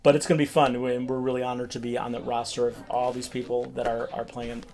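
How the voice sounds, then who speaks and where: A male DJ, a guest in a casual interview, with a mid-pitched voice. He talks with enthusiasm and sprinkles his speech with "like.". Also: completely flat delivery, quick pace, a little mellow. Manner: enthusiastic, uses filler "like". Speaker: DJ and record label guest.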